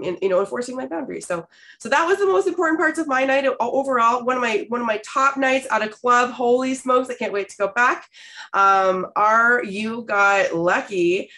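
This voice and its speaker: A woman in her thirties from Canada, hosting a podcast and telling stories in a candid, expressive way with casual swearing. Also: medium pitch. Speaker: podcast host. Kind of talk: casual storytelling chat.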